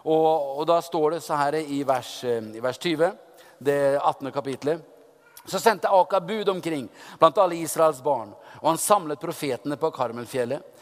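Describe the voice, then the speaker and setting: A man preaching a sermon, retelling a Bible story in a lively, teasing way with many restarts. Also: a little high, long reverb tail.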